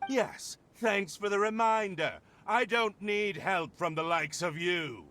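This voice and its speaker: A man's voice: high voice, takes it slowly, bright, forceful tone, a little hiss or hum, heavily acted. An actor playing a stiff, formal young aristocrat man who has been stuck in a trap, speaking in game voice acting. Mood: haughty. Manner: pompous and formal, turning to flustered pleading.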